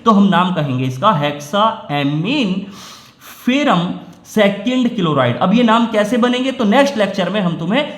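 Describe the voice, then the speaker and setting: A man's voice: sits high, animated, quick pace, few pauses, fairly bright tone, roomy sound. A man teaching chemistry, explaining step by step and often asking and answering his own questions in a classroom lecture.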